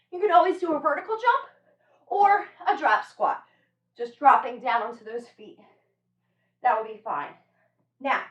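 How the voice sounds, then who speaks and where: Brisk and encouraging, a high-pitched woman leads a home workout, energetically giving cues and demonstrating moves. The echoey recording was captured from some distance away from the microphone.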